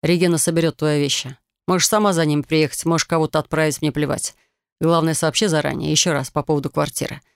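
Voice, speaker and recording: A woman's voice: low voice, fairly even intonation, fast, vocal fry, clear, resonant tone, dry recording, studio quality. A woman reading an audiobook, voicing a cold, contemptuous husband who talks bluntly and scornfully. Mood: dismissive. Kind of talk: audiobook character voice.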